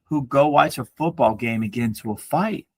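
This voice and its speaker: A podcast co-host in his forties rants and tells animated stories during a casual chat, swearing a lot. His voice is medium-pitched at a normal speed, recorded with no echo.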